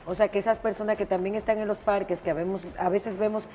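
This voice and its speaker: A woman co-host with a Dominican accent comments on current news. Her voice is soft-edged and mellow at a medium pitch. The room rings with reverb. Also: steady tone, fast talker. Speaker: talk show co-host. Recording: reverberant room with background noise.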